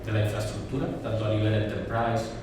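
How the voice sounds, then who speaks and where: A man's voice: lowish voice, flat delivery, a little fast. A man with an accent from Spain moderating a panel, introducing speakers and asking questions, hesitating as he searches for words. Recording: very echoey hall, distant, noisy.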